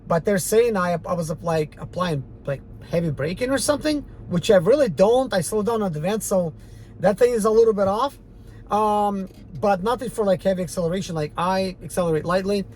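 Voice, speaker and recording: Recorded roughly with a little hiss or hum, a rideshare driver from Ukraine speaks fairly quickly in a medium-pitched, darkish voice with an Eastern European accent. He addresses a channel audience in a casual, defiant, and emphatic monologue, rambling with lots of fillers.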